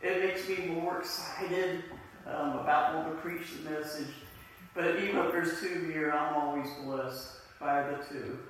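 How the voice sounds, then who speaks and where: A woman's voice: low-pitched, steady tone, unhurried. Appalachian woman pastor in an echoey church. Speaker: pastor leading the service. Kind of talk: church service talk and prayer. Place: inside a church, congregation present. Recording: roomy, distant church mic, faint noise.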